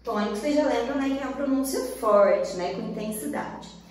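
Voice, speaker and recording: A woman's voice: fairly high pitch, animated, a little fast, darkish tone, a little hiss or hum. Brazilian woman teaching in an echoey room. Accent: Brazilian Portuguese. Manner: keeps checking in with the class. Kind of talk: grammar lesson. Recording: very echoey room, far from the mic.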